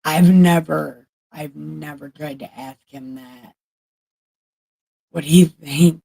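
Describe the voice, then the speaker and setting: A woman's voice: low voice, steady tone, slow, vocal fry, dark tone, husky. A woman livestreamer in casual chat, talking candidly and with plenty of swearing to her viewers. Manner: candid, profane, chatting with viewers.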